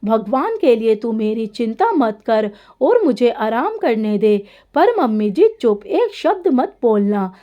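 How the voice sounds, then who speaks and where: A woman's voice: on the high side, sing-song, takes it slowly, mellow. A woman voicing an irritable older mother-in-law who snaps and scolds when her rest is disturbed in a spoken story. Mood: exasperated. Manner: snappish and scolding.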